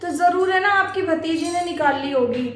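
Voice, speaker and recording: A woman's voice: extremely high pitch, normal speed, fairly bright tone. A woman playing a patient, hardworking young daughter-in-law who answers politely and tries to please. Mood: placating. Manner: polite, placating, eager to please. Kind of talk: homemade family skit acting. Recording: echoey room.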